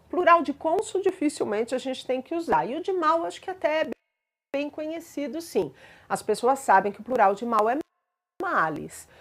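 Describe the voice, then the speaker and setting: A woman teaching grammar in a patient explanatory lesson, spelling out examples and checking in with listeners. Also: high-pitched.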